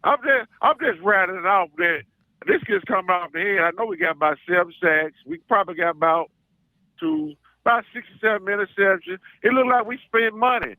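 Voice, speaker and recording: A man with a bright, forceful voice, pitched a bit high, speaks in an Arkansas Southern drawl. He is a boastful call-in sports fan who hammers his points by repeating them. The sound is dry and close. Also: lively intonation, brisk, no echo, poor audio. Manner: boastful, emphatic, repeats phrases. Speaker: call-in guest, self-styled football scout. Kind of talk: animated sports fan talk.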